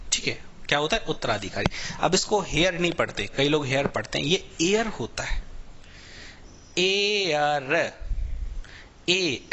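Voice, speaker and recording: Male tutor, Indian accent, a bit high-pitched, exam-prep lecture in Hindi, quiz-style back-and-forth. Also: bright, forceful tone, slight background noise. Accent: Indian English. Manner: explains in Hindi with English words, asks rhetorical questions often. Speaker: English teacher. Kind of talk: online exam-prep class.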